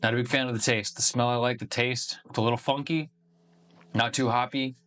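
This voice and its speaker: A man's voice: medium pitch, steady tone, a little fast, a bit bright. A man hosting a casual beer-tasting review video, talking in a laid-back, profane, slangy way.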